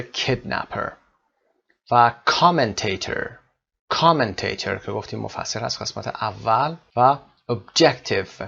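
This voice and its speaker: A male English teacher explaining a textbook lesson, reading English lines slowly and clearly and then explaining them at a quicker pace. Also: lowish voice, bright, forceful tone, muffled recording.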